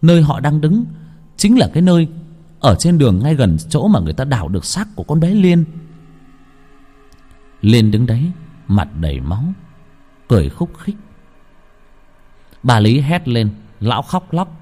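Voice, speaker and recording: A man narrating a horror story in a dramatic, expressive way. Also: mid-range voice, moderate pace, pauses often, faint music behind.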